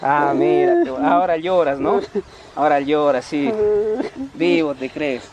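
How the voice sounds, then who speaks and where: A man's voice: on the high side, very animated, measured pace, lo-fi sound. A man playing a mocking young bully. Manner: mocking, sing-song taunts. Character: taunting young male extortionist bully. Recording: loud crowd noise behind.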